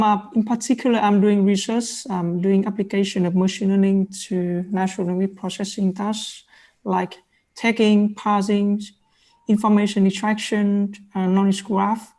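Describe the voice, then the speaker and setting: A woman with a Vietnamese accent introduces herself formally as a research panelist. Her intonation stays flat, with very little movement in pitch.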